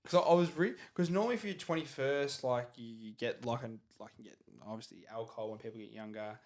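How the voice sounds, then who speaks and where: A young man hosting a casual sports podcast, rambling with halting restarts. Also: medium pitch, darkish tone. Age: young adult. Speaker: podcast host.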